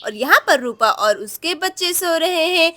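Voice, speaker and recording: A woman's voice: very high-pitched, lively intonation, moderate pace, sharp tone. A woman narrating a doll story in a chatty voice-over, addressing viewers as friends.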